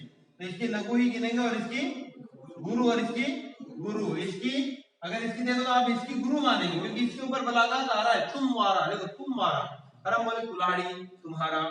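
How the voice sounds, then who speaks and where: A man with a high voice teaches a lesson step by step and keeps firing questions at his listeners. He stands away from the mic. His voice rings through a hall with a long, echoing tail. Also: fairly bright tone. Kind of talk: classroom lecture. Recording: echoey room, far from mic.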